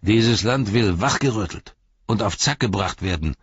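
Man reading menacing brutish ruffian, mocking, husky, dry dull recording. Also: lowish voice, lively intonation, normal speed, no echo, voice pushed up. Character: large brutish human ruffian, sneering bully.

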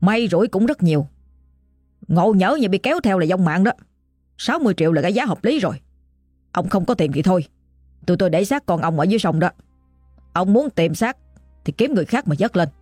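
A woman's voice: lowish voice, darkish tone, dry recording, clean studio sound, soft background music, lightly acted. Woman doing a ruthless greedy boss man. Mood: threatening. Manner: gruff, hectoring, rapid. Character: greedy, ruthless middle-aged corpse-retrieval boss.

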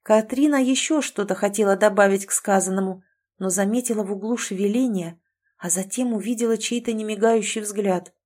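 A woman narrating a story in a steady, scripted storytelling delivery. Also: medium pitch, a little fast. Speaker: audiobook narrator.

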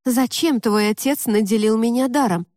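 A wary teenage girl, as a woman narrator reads her, choosing her words with care and hesitation. The voice is mellow, dark and dry, close to the mic. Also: a little high, normal speed, no echo, natural voice. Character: teenage girl, guarded and impulsive.

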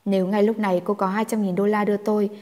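A woman's voice: mid-range voice, level tone, quick pace, warm tone, in a large hall, natural voice. Woman voicing a cold ruthless businessman. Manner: cold, clipped.

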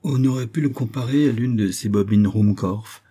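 A man narrating an audiobook in a measured, expressive reading. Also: on the low side, husky.

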